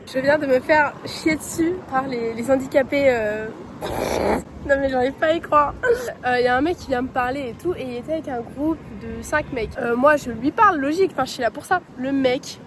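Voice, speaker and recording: A young woman in her twenties talks straight to the camera in a casual vlog. She is blunt and chatty and full of slang. Her voice sits high, with a faint hum of noise behind her. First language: French. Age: 20s. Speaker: student vlogger.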